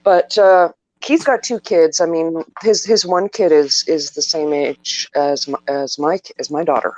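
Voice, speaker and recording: A man's voice: on the high side, a little slow, darkish tone, no room sound, rough recording. A man hosting a casual podcast chat from his apartment, rambling and repeating words as he tells a story. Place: apartment at home.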